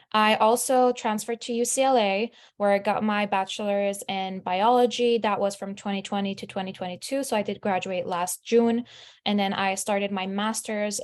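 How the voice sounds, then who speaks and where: Chatty woman in her twenties from Lebanon. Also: mid-range voice. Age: 20s. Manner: chatty, upbeat, filler-heavy. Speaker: student speaker. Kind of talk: casual presentation over a video call. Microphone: video call.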